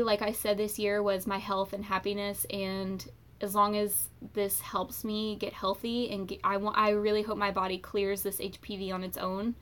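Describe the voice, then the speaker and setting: A young woman vlogger telling a personal story in a casual, chatty way, full of fillers and animated retellings. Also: mid-range voice, a little hiss or hum.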